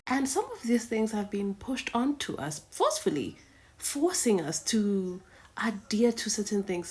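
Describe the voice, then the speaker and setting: A woman's voice: fairly high pitch, darkish tone. A woman from Africa, giving frank, lecturing reaction commentary. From southern Africa. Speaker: reaction video host.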